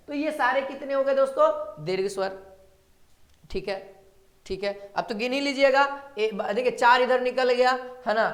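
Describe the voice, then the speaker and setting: A woman teaching a grammar lesson for exam prep, often repeating her points and calling viewers sir and brother. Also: fairly high pitch. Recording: echoey room.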